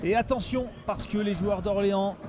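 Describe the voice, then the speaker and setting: A man giving excited sports commentary as a football match commentator. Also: sits high, normal speed. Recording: music and outdoor noise behind voice. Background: music.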